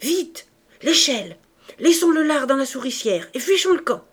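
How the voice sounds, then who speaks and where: A woman reading a scheming middle-aged male gang leader, talking loud, urgent and scornful. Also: sits high, big pitch swings, normal speed, pitched above the performer's own voice.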